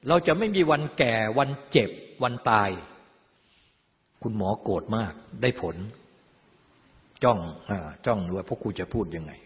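A man's voice: fairly low pitch, big pitch swings, measured pace, long pauses. An older man, a Buddhist teacher, giving a dharma talk in a teasing, rhetorical way and often asking his listeners whether they see. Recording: dull, lo-fi sound in a long-reverb hall.

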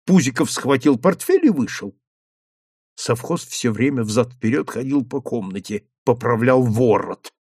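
Мужчина читает рассказ вслух как выразительную аудиокнигу. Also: male voice, medium pitch, unhurried, slightly rough, no echo, clean studio sound. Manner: dramatic, animated storytelling. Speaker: narrator. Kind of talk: expressive audiobook reading.

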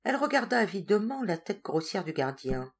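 A woman narrating a literary story in a measured, expressive reading voice. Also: mid-range voice, slightly rough. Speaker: audiobook reader. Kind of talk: scripted narration.

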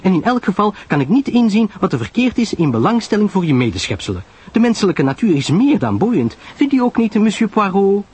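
A man voicing a chatty, nosy young society woman who gushes in a high, lilting voice. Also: sing-song, brisk, darkish tone, husky, full character voice. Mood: insistent. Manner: breathless gushing, high and lilting.

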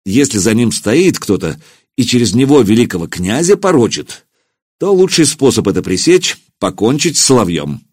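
A man's voice: mid-range voice, big pitch swings, moderate pace, a little mellow, slightly rough, no echo, clean studio sound. A man voicing a sturdy, blunt middle-aged warrior who talks plainly and practically.

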